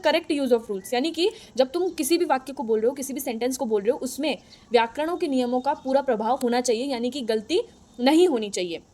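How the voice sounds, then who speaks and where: High-pitched woman teaching an exam class. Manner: explains step by step, restating each point with fillers. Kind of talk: exam-prep lecture.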